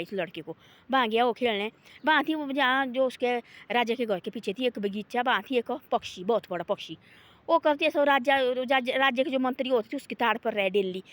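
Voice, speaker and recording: A woman telling a moral folk tale in a rambling, folksy way, restarting often and repeating her tags meaning "he said". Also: mid-range voice. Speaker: storyteller. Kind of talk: oral moral storytelling.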